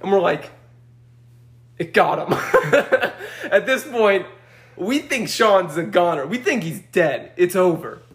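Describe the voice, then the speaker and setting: A young man telling a story in a casual chat, animated and laughing often as he acts out quotes. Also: sits high, takes it slowly. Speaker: podcast guest.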